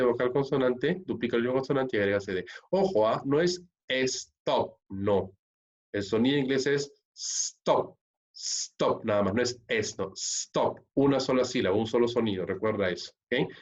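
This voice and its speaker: A man teaching an English grammar lesson, explaining step by step and often checking with "¿ok?" or "¿no?". He slows down and stresses the key words. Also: mid-range voice. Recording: dull lo-fi recording.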